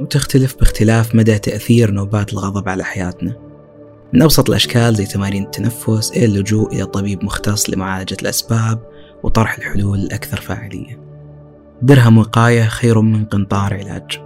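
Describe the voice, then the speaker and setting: A man narrating a podcast in a scripted, measured and reflective delivery. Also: on the low side, a little mellow.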